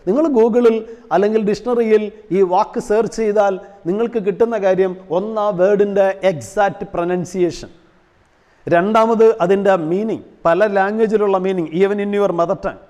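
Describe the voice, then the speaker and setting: A man's voice: high voice, steady tone, moderate pace, a little mellow. A male teacher giving a classroom lesson, asking rhetorical questions and slipping English terms into his explanations. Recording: long hall reverb.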